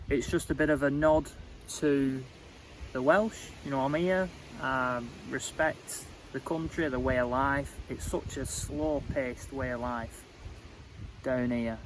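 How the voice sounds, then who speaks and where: A man vlogging casually about his cottage renovation, rambling and halting with lots of fillers, outdoors at his building site. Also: mid-range voice, slight background noise, low-quality recording. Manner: rambling and halting, with many fillers, self-described as muddling his words. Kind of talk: casual chat to camera.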